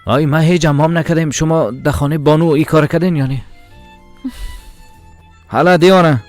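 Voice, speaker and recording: A man voicing a brisk calming son. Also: fairly high pitch, faint music behind, natural voice. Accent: Tajik. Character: young adult son, hurried and calming his sister. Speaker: adult son in a family drama. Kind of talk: dubbed television drama.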